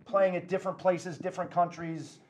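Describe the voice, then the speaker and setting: A man's voice: sits high, steady tone, moderate pace, slight background noise. A man in his forties hosting a sports podcast, asking friendly follow-up questions. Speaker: podcast host. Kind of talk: casual interview chat. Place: studio set with wood backdrop.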